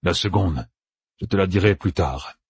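A man voicing a stern, steady middle-aged general who talks calmly and gravely. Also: deep voice, moderate pace, no echo, heavily acted.

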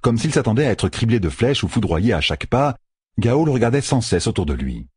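A man narrating an audiobook in an expressive storytelling manner. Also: mid-range voice, brisk, breathy edge, no room sound, studio quality. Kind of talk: scripted narration.

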